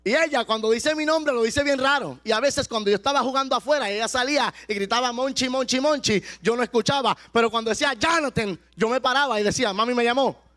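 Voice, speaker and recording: A pastor preaching a sermon with passion, at times slowing down and shouting for emphasis. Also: male voice, extremely high pitch.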